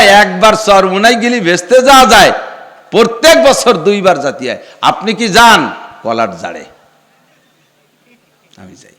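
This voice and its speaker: A male preacher gives a humorous sermon, teasing his listeners with rhetorical questions and sometimes rising to a shout. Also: very high-pitched, in a large hall.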